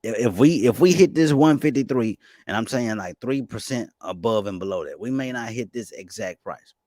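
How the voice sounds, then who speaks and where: A man giving casual, fast-talking commentary on stocks and crypto, excitable and stumbling over restarts. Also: medium pitch, dry recording, studio quality. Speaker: finance YouTuber.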